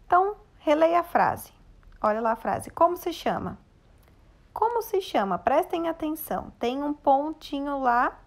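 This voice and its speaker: In a recorded lesson for children, a woman teacher with a Brazilian Portuguese accent patiently guides the class with questions. Her pitch is fairly high.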